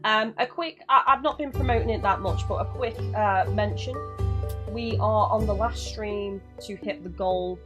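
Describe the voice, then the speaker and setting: A young woman does live gameplay commentary, greeting viewers and chatting in a rambling way as she plays, her voice worn from losing it recently. She speaks at a normal speed with medium pitch, and music plays in the background.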